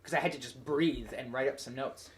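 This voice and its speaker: A man's voice: medium pitch, fairly even intonation, fairly quick. A man co-hosting a casual movie review podcast, explaining his criticisms. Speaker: podcast co-host.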